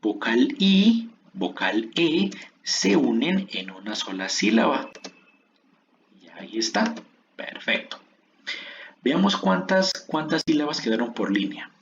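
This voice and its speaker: A man teaching a lesson on poetic meter, counting syllables aloud in a slow, drawn-out way and often restarting his phrases. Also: on the high side, very animated, gravelly, dull audio, slight background noise.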